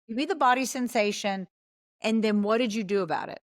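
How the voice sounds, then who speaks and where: Hosting a podcast interview by video call, a woman who works as a host and coach chats casually and eagerly feeds her guest questions. She speaks a little fast in a fairly high voice.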